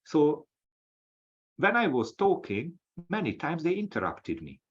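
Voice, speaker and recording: A man from Hungary with a Hungarian accent, an associate professor giving a lecture-style webinar talk, speaking haltingly with many restarts over a video call. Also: a little high, wildly swooping pitch, husky. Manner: halting, with frequent restarts and fillers. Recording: dull, lo-fi audio.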